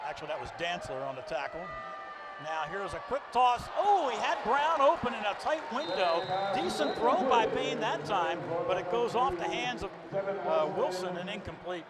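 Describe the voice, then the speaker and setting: High-voiced play-by-play man over roaring crowd. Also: normal speed. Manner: excited, rising to shouts on big plays. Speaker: play-by-play announcer. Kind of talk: play-by-play commentary. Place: indoor arena broadcast booth. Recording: loud crowd and arena noise behind.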